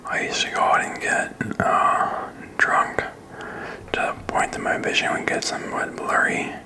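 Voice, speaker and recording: A man in his thirties rambles in a halting, unscripted whisper for ASMR, very close to a desk microphone in a small quiet room. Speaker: ASMR video creator. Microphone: desk microphone with furry windscreen, very close.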